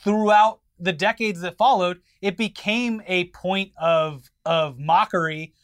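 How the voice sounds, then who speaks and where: High-voiced man chatting on a podcast. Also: slow, fairly bright tone. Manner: wry, opinionated, covers the news. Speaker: podcast co-host. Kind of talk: casual chat.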